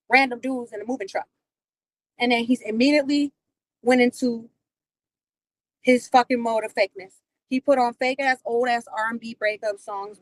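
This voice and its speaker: A woman hosting a livestream, telling a personal story in a profane, animated way. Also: fairly high pitch, no room sound, low-quality recording. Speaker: livestream host. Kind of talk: casual storytelling.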